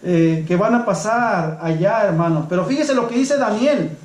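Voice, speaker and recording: A male pastor preaching a sermon to his congregation, calling them brothers, swinging between loud and hushed and slowing down for emphasis. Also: high-pitched, lively intonation, roomy sound, low-quality recording. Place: church.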